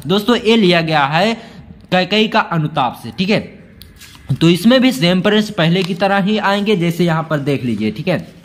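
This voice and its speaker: High-voiced Hindi exam tutor, man. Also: lively intonation. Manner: addresses viewers as friends, repeats "theek hai" often; reads verse lines slowly and drawn out. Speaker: teacher. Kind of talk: exam-prep lesson walkthrough.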